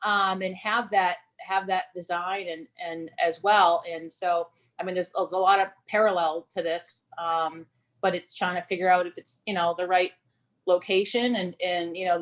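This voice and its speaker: A woman speaking as a committee member at a town meeting, hesitant and full of fillers. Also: fairly low pitch.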